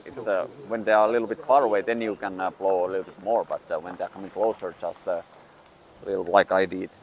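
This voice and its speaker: A man who is not a native English speaker gives an informal outdoor lesson as a hunting instructor, explaining in a halting, hesitant way. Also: low voice, fairly even intonation. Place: outdoors in the countryside.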